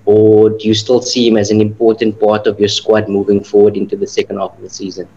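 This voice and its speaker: Deep-voiced reporter on a dull line. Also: male voice, completely flat delivery, a little fast, mellow. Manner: hesitant, many ums. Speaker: newspaper journalist. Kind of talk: press conference question.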